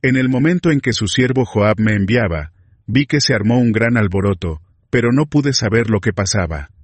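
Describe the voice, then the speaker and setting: An earnest young messenger with a low, husky voice, voiced by a man reading the story aloud. He talks slowly and deliberately. The sound is dry. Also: expressive, no echo. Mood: reverent. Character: eager young male runner, a messenger.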